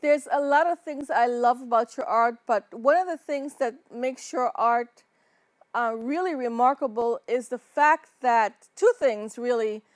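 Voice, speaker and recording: Female interview host, high voice, dry close sound, deliberate questions. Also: no room sound. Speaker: show host. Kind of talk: hosted interview.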